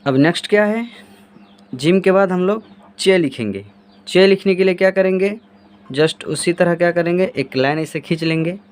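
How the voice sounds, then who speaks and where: A man's voice: high-pitched, normal speed, clean tone. A man teaching Urdu handwriting step by step, asking and then answering his own questions as he writes. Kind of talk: step-by-step writing lesson.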